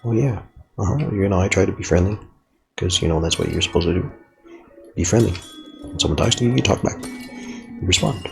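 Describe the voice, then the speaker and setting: A man's voice: low-pitched, a little fast, vocal fry, pauses often. A young man rambling reflectively through an unedited video journal while playing a game, swearing casually now and then.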